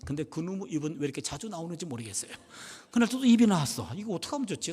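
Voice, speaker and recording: A middle-aged man preaching a sermon, telling a family story and acting out the voices in it. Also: sits high. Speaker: pastor and former professor. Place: church sanctuary. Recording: church hall reverb.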